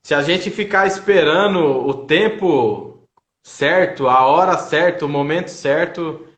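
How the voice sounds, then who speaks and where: A man's voice: on the high side, a little slow, fairly bright tone. A man hosting a live stream, telling anecdotes casually with hesitant fillers and tag questions. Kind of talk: casual chat. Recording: roomy home echo.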